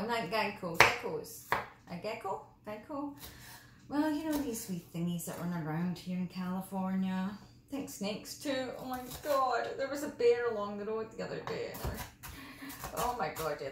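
A woman chatting casually in a cooking vlog in her home kitchen, rambling through asides and talking carefully because of mouth pain. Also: medium pitch. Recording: echoey kitchen with background noise.

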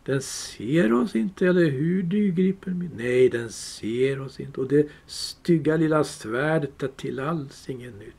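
A man reading aloud voicing Gollum, a wretched, greedy cave creature who shrieks and wails in a shrill, hissing voice. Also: lively intonation, vocal fry, hardly any pauses, a little mellow, slightly rough, heavily acted. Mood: sly whisper. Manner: wailing, whining, high-pitched.

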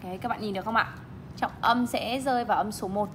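A woman's voice: mid-range voice, fast talker, a bit bright, a little hiss or hum. A young woman teaching English, explaining word stress in a bilingual classroom style and modeling words with emphatic stress.

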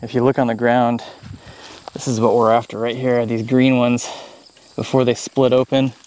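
Speaking into a clip-on wireless lapel mic, a foraging vlogger, an American man in his thirties, explains things in a casual vlog style. His voice is mid-range and darkish, delivered flat at a moderate pace, with a little hiss or hum on the track.

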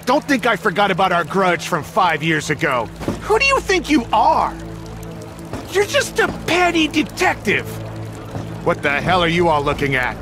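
An actor playing a menacing, hot-tempered older gang boss in a video game, theatrical and sneering. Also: male voice, on the high side, brisk, few pauses, lightly acted. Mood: furious. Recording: loud music behind. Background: loud game music.

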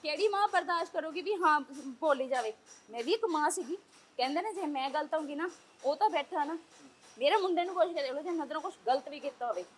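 A young Punjabi woman with a Punjabi accent, giving an agitated interview to reporters and pressing one rapid rhetorical question after another. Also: sits high, expressive. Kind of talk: heated street interview.

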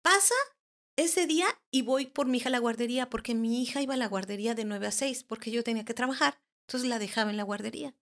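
Her pitch is fairly high with a slightly bright quality. Around forty and a therapist, she's a podcast guest recounting a personal paranormal encounter, stumbling, restarting, and hunting for words as she goes.

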